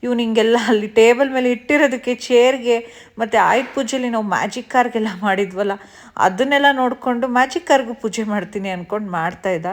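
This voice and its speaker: A woman's voice: fairly high pitch, brisk. A young adult woman and mother narrating a casual family vlog in a chatty way, dropping English words into her talk.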